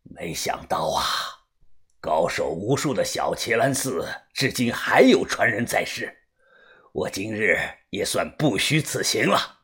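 A cocky male martial arts master with a low, husky voice, drawling his words slowly and with open mockery. He sounds crude and sure of himself, like a wuxia storybook rogue, voiced by a storyteller. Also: sing-song, fairly bright tone, heavily acted. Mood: amazed. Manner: slow, drawling, mocking.

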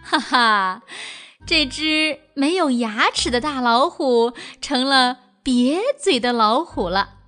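A woman reading a children's story aloud and speaking gently to young listeners as the storyteller. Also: high voice, animated, slow, faint music behind.

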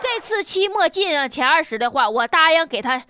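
Animated high-pitched woman with Northeastern Chinese accent. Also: a little fast, background noise. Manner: blunt, mocking, colloquial. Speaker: comedic news show host. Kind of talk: humorous news commentary with punchlines.

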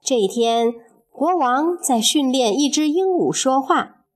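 A woman narrating a children's story in an expressive, measured storytelling manner. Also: high voice.

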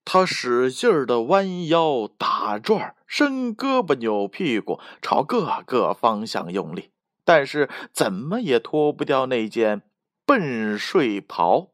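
A man reading a children's story aloud in an animated, drawn-out way. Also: mid-range voice, dry recording, studio quality.

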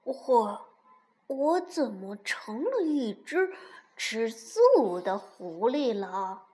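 A woman's voice: fairly high pitch, sing-song, extremely slow, a little mellow, full character voice. A woman voicing a hungry male fox in a storybook, stammering and flustered. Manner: stammering, sighing.

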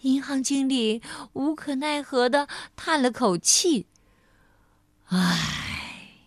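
A woman narrating a children's story gently and expressively, asking the listener questions. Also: sits high, unhurried, no echo.

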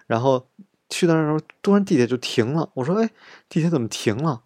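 A man's voice: a little high, lively intonation, fast talker, a little mellow, dry recording, clean studio sound. A man telling a chatty travel story, acting out what he and others said along the way. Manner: chatty, retells scenes with quoted dialogue. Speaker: travel vlogger. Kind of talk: casual storytelling monologue.

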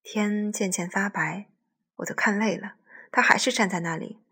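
A woman narrating a first-person literary story in a soft, intimate way, often dropping to a whisper. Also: mid-range voice, steady tone, moderate pace, breathy edge.

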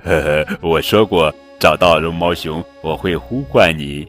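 A man's voice: very deep voice, measured pace, soft background music. A man voicing a playful, teasing trickster elephant cousin.

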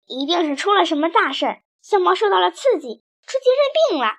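Gossiping storybook goose, fussy and excitable, very high, played by a woman. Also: brisk, heavily acted.

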